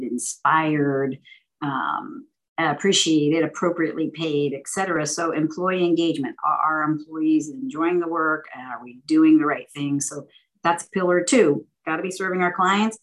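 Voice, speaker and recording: A San Francisco woman in her fifties, a banking executive and board director, answers interview questions about her banking career in a notably low voice. She is measured and methodical, laying out her points as orderly lists with the odd "um" pause. The recording quality is poor.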